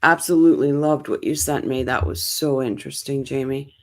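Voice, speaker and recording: A woman's voice: very deep voice, brisk. A woman hosting a casual livestream, greeting chat viewers by name with a tired morning voice. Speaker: livestream host.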